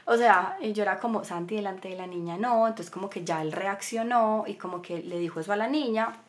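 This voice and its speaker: A young woman telling a personal story as a podcast guest, earnest, moving between animated and hushed. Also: medium pitch, brisk.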